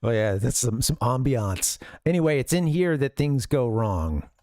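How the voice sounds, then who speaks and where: A man's voice: mid-range voice, very animated, measured pace, darkish tone, dry recording. A man hosting a live stream, casually commenting on an old demo video, often restarting his sentences and chuckling. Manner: rambling, self-interrupting, chuckling. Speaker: streamer host.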